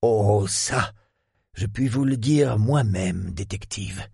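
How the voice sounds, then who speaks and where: A man voicing an enigmatic old millionaire lord in his eighties, with a grave, sepulchral, husky voice and a slow, solemn way of talking. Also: fairly low pitch, darkish tone, no room sound, studio quality, full character voice. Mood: grave, mysterious. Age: 80s. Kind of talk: audiobook character voice.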